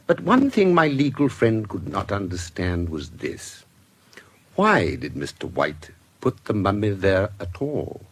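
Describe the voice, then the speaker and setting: An actor playing a shrewd English doctor and investigator in a British radio drama, speaking in a precise, deliberate, formal way. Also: male voice, low-pitched, huge pitch swings, slightly rough, exaggerated voice. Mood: explanatory.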